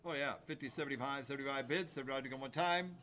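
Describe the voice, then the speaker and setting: A man working as an auctioneer, chanting bids in a rapid, rhythmic, repetitive sing-song of numbers. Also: mid-range voice, bright, forceful tone.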